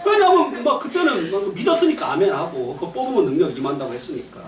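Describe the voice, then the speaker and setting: Man, high and very lively pitch, preaching a testimony; recorded from a distance in an echoey hall. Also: fast talker, a little hiss or hum. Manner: animated storytelling with shouted punchlines and laughter. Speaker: lay preacher giving a testimony. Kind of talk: sermon testimony. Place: church meeting hall.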